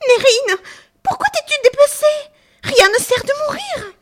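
A woman playing an excitable, indignant character in a comic radio drama, theatrical and insistent. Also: extremely high pitch, a little slow, heavily acted. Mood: excited.

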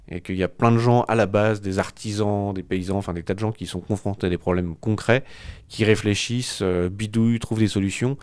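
A man's voice: fairly low pitch, darkish tone, dry recording. A man co-hosting a podcast, reading out and discussing tech news in a casual, hesitant way with many fillers and restarts. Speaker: podcast co-host reading a tech press review.

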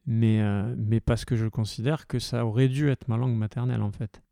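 A man's voice: medium pitch, steady tone, brisk, vocal fry, mellow, no echo, clean studio sound. A man from the south of France talking heatedly and casually, with many hesitations and restarts. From Occitan-speaking region of France. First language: French. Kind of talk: passionate casual talk.

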